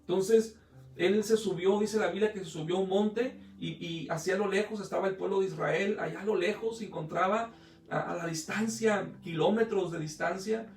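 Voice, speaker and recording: A man's voice: sits high, vocal fry, roomy sound, distant mic. A man preaching a sermon as pastor, retelling a story with acted quotes, often hesitating and restarting. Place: church hall.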